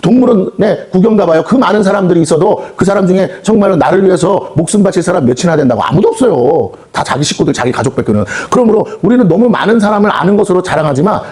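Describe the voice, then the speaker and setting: Fast-preaching husky Korean pastor. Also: male voice, high voice. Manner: lively preaching with rhetorical questions, acting out quoted voices. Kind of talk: sermon. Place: prayer house meeting hall.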